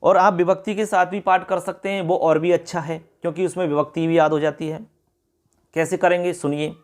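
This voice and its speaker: A male Sanskrit teacher guides students through exam preparation. His voice sits fairly high for a man, and he recites the word forms in a rhythmic, sing-song chant. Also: level tone, brisk.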